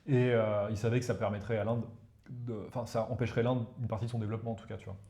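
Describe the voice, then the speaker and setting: Speaking French with Hindi as his native language, this man from the Ganges plain in India is a guest expert and professor. He talks fast in a mellow, rather dark, lowish voice with little pitch movement, tagging his casual explanations with "you see." Noticeable room echo colors the recording.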